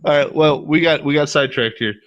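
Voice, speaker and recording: A man hosting a podcast, bantering loudly with plenty of swearing and laughter. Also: on the high side, fairly quick, no echo, highs cut off. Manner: loud, laughing, profane banter. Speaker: podcast host. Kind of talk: casual chat.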